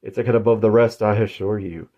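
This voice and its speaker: A man's voice: lowish voice, fairly even intonation, fast talker, dull audio, lightly acted. A man voicing an old male umbrella salesman who is polite and sinister, with courtly, folksy, old-fashioned phrasing. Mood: silky.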